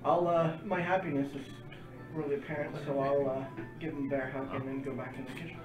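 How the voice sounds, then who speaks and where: A man's voice: mid-range voice, fairly even intonation, brisk. A man chatting casually as a player in a tabletop role-playing game, describing what his character does. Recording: roomy, distant mic with music behind.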